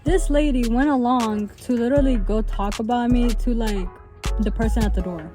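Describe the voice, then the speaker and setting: A woman's voice: a little high, moderate pace. A young woman vlogger casually telling a story, chatty and full of fillers, with music playing behind.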